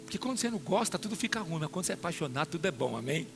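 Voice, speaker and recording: A Brazilian pastor with a Brazilian Portuguese accent preaching a sermon to a congregation, questioning listeners by name and building to loud emphatic peaks. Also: male voice, a little high, very animated, rapid-fire, vocal fry. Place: church hall.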